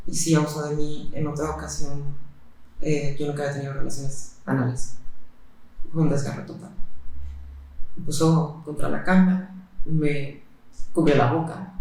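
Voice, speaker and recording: Heavy echo surrounds a deep-voiced woman telling her story as an interviewee. She speaks in an even, flat manner, hesitating often and filling the gaps with fillers.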